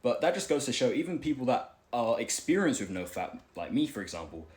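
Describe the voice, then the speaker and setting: A man's voice: medium pitch, very animated, brisk, darkish tone. A young man giving casual self-improvement advice while working out, out of breath, rambling with lots of fillers and "right?" tags. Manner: rambling, filler-heavy, keeps asking "right?".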